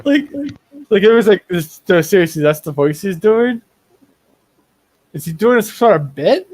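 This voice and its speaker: A man with a fairly high voice runs a tabletop game, rambling and circling back over his words as he rants. The recording is dry and close, with almost no room sound. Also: expressive, a little slow, a little mellow, no room sound. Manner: rambling, repeats words while building a rant. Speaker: game master. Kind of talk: running a tabletop game, casual chat.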